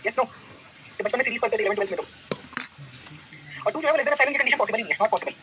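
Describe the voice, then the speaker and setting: A man's voice: very high-pitched, very fast, pushed and bright, a little hiss or hum, rough recording. A man teaching a university math class, explaining proofs and quizzing his students with repeated questions. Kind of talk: classroom lecture, mixing Hindi and English.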